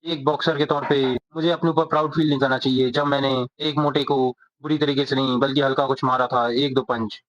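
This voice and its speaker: A man's voice: medium pitch, steady tone, a little fast, few pauses, a bit bright, no echo, close to an everyday voice. A man voicing a cocky teenage boxer who bullies others and brags about it. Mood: boastful. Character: cocky teenage boy boxer, show-off bully. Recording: dull, dry lo-fi recording.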